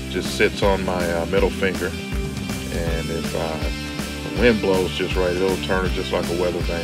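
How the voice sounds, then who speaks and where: A man hosting a casual, laid-back outdoor vlog at the lakeside, talking in an unhurried way. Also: deep voice. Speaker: video host.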